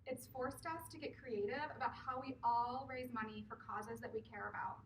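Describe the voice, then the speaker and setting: A woman with a fairly high voice delivers a prepared kickoff speech to an audience. The sound is distant and echoey, with faint noise underneath. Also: steady tone, normal speed. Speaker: nonprofit executive director giving a speech. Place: public event at a drive-in movie night.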